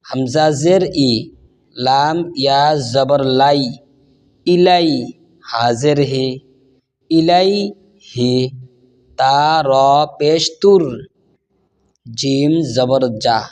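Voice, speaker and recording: A man's voice: mid-range voice, a little mellow. A man with a Bangladeshi Bengali accent, teaching Quran reading by spelling out each Arabic syllable and then chanting the joined word. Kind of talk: slow spelling-out recitation lesson.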